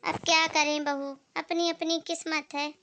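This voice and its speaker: A woman's voice: high voice, little pitch movement, measured pace, bright, forceful tone, a little hiss or hum. Woman doing an older, gossipy aunt. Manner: approving, gossipy. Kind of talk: dramatized moral story.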